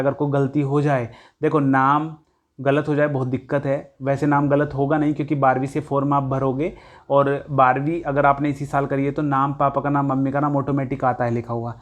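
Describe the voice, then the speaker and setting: A man talks students through an online form in a casual tutorial. He keeps a fairly level, even tone with little rise and fall, pausing to hesitate now and then. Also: mid-range voice. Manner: plain explanatory talk with hesitations, addresses students directly. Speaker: tutorial presenter. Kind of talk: casual screen-recorded walkthrough.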